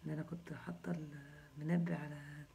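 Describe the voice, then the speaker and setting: With slight background noise, a woman in her thirties speaks quickly in a warm, low-pitched voice with vocal fry and little pitch movement. She has an Egyptian Arabic accent and hosts a casual live chat, teasing and joking as she answers viewers.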